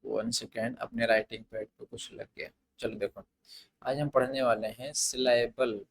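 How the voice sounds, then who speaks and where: A man's voice: mid-range voice, steady tone, moderate pace, gravelly, low-quality recording. A man teaching an English grammar lesson, mixing Hindi and English in a hesitant style with many fillers and restarts. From India.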